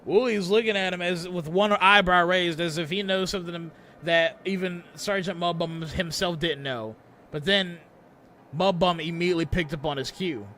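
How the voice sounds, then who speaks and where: A man's voice: high-pitched, normal speed, bright, forceful tone, slight background noise. A man streaming a game, narrating it like a dramatic audiobook, stumbling over words and breaking into laughter.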